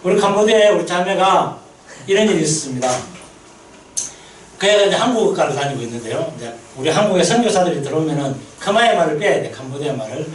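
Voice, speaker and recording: A man's voice: on the high side, fast talker, roomy sound, far from the mic, slight background noise, low-quality recording. A man preaching a sermon as a missionary pastor at a mission meeting, telling stories and asking the congregation questions. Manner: lively storytelling, asks the congregation questions. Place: church sanctuary.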